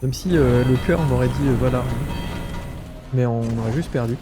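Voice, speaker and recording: A man's voice: medium pitch, moderate pace, over music. A man with a stuffy nose, thinking aloud with many fillers as he comments on his gameplay. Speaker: gaming streamer.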